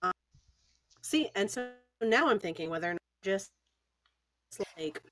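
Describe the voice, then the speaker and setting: A woman's voice: mid-range voice, animated, measured pace, a bit bright, faint music behind. A woman playing in a tabletop game over a call, hesitant and thinking aloud. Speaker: player. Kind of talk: casual chat. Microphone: video call.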